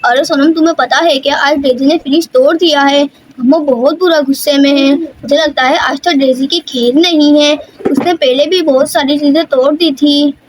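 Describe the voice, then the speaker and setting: A woman's voice: sits high, steady tone, moderate pace, slight background noise, lightly acted, low-quality recording. A woman voicing a gossipy older sister in a cartoon story.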